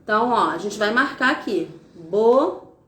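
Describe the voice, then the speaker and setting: A woman's voice: mid-range voice, animated, a bit bright, a little hiss or hum. Patient Brazilian woman teacher, echoey room. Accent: Brazilian Portuguese. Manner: patient, explains step by step, frequent tag questions; sounds out syllables slowly and emphatically. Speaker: literacy teacher. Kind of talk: instructional demonstration.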